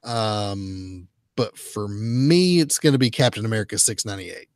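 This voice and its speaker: In a dry, studio-quality recording with no room sound, a lowish-voiced man talks at a normal speed as co-host of a comic book podcast. His story recap is casual and rambling, full of fillers and restarts.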